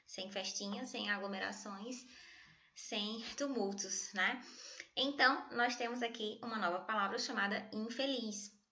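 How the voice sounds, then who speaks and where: Brazilian woman, teacher, online lesson, chatty, jokey, bright voice, lo-fi home recording. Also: medium pitch, measured pace. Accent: Brazilian Portuguese. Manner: chatty, jokey, addresses students as "gente".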